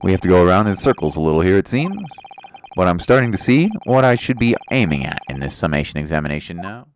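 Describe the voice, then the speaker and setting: Animated man playing through a game. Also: deep voice, quick pace, a little hiss or hum. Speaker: game playthrough host. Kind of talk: casual commentary and reading game dialogue aloud.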